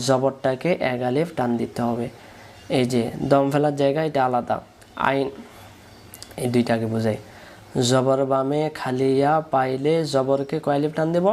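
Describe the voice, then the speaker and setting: In a call-and-repeat lesson on Quran recitation rules, a Bangladeshi Bengali-accented man patiently drills syllables for his pupils to echo back. He speaks in a medium-pitched, darkish voice.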